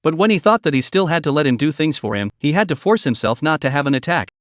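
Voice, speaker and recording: A man narrating a dramatic recap story in a scripted, animated reading style. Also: fairly high pitch, fast, dry recording, studio quality.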